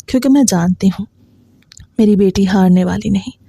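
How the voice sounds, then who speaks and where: A soft, encouraging mother who works hard for her daughter and stays calm and loving, as a woman storyteller reads her. Her warm, mellow voice sounds dry and close, with nothing else heard. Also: mid-range voice, gravelly, husky, no room sound. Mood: tender. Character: gentle, devoted poor mother, middle-aged woman.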